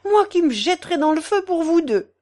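A woman voicing a gossipy, meddling middle-aged concierge in a storybook reading, with a shrill, wheedling, theatrical manner. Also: sing-song, fairly quick, darkish tone. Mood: wounded indignation.

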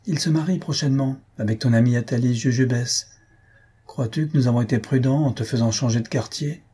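A man's voice: medium pitch, brisk, dark tone, husky. A man voicing a sly older man who teases mockingly in a read-aloud story.

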